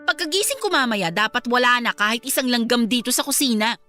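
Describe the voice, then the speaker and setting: Brief: a haughty, contemptuous woman employer in a radio play; high and bright, very animated. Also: brisk, faint music behind. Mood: scornful. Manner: sneering, contemptuous scolding. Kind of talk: radio drama acting.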